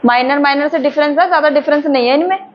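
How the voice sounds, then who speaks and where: A woman teacher, lecturing a class and slowly dictating terms for notes in a chatty way. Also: high voice. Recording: dull lo-fi with faint background noise.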